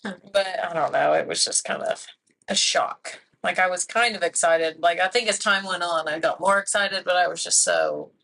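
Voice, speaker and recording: A woman's voice: lowish voice, normal speed, gravelly, rough recording. Chatty young woman telling a story. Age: 20s. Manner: rambling, animated storyteller full of "like". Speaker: podcast guest. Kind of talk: casual chat.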